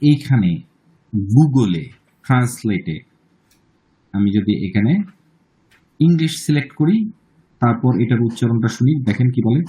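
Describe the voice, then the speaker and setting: Slow-talking Bangladeshi male teacher. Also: medium pitch, warm tone, low-quality recording. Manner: slow, drawn-out model pronunciations, checks in often. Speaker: German teacher. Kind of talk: online language class.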